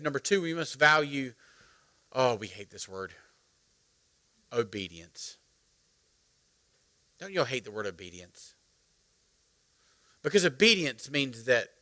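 A middle-aged man, preaching a sermon as pastor, animated and joking as he calls on the congregation. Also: a little high. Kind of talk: sermon with storytelling. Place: church sanctuary.

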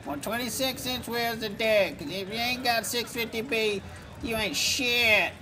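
High-pitched droning street crier. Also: male voice, unhurried. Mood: calling out. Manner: repetitive calling-out. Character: droning street crier collecting the dead with a cart. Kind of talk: comic parody voice-over.

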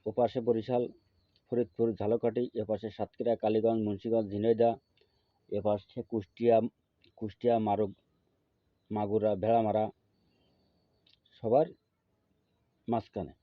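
A man, a folk healer who explains his methods and then slowly chants a mantra for listeners to memorize. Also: flat delivery, no echo. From Bangladesh. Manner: slow, drawn-out chanting, louder and higher on the mantra. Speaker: folk healer teaching spells. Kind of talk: instructional talk with chanted mantra. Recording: tinny phone-like audio.

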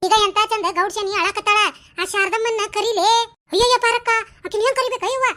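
High squeaky bickering village ladies from a cartoon, all done by one woman, north karnataka accent, rattling off lines fast. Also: pushed and bright. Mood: bantering. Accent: North Karnataka Kannada. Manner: quick, shrill, bantering dialect chatter. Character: bickering village women, a landlady and her helpers. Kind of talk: cartoon voice acting.

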